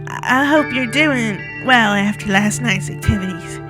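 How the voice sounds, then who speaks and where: A woman voicing a gentle, motherly older woman who keeps a shop in a narrative game, speaking politely and soothingly. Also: on the high side, a little slow, over music, natural voice, poor audio.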